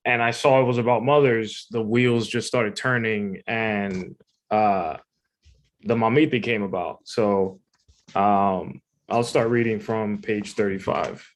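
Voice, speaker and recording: A man's voice: fairly low pitch, fairly even intonation, takes it slowly. A man reading his own personal essay aloud in a conversational, informal way. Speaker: writer reading own submission.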